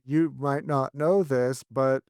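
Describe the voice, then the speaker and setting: A man's voice: medium pitch, takes it slowly, dry recording, studio quality. A man co-hosting a podcast, casually recapping episodes and acting out the characters' lines. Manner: relaxed storytelling, acts out characters' lines. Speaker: podcast co-host.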